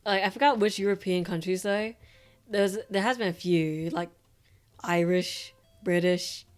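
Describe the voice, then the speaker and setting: Chatting on stream, this young woman with an Australian accent is loose and rambling, dropping fillers and occasional swear words. Her voice stays steady and on the low side, moving a little slowly.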